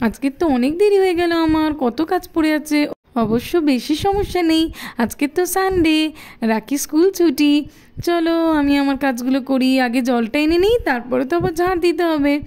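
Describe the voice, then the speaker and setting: A woman's voice: high-pitched, animated, a little fast, a little mellow. A woman voicing a busy, scolding but kind village mother in a doll cartoon. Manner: bustling, scolding. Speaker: voice performer. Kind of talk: doll cartoon narration and voice acting.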